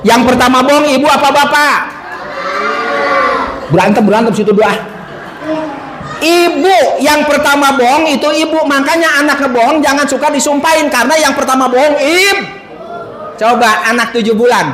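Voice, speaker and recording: High-voiced joking preacher in an echoey mosque. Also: male voice, moderate pace, pauses often, a crowd in the background. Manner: joking, teasing the audience with animal impressions. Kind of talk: humorous sermon to a congregation. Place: mosque hall. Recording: echoey mosque hall sound.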